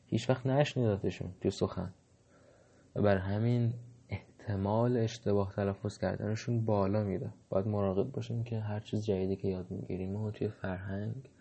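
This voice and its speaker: A man's voice: sits low, vocal fry, warm tone, breathy edge, muffled recording. A man giving a casual, reflective monologue, hesitant and full of fillers. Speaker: monologue host.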